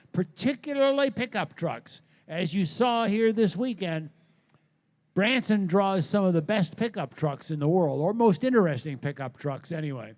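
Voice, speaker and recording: A man's voice: sits high, darkish tone, big-room sound. A man working as an auction announcer, describing lots and giving live commentary.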